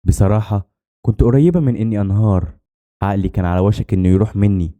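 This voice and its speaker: Egyptian male horror narrator, very fast delivery, dark low timbre, dramatic scripted read. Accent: Egyptian Arabic. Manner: dramatic storytelling.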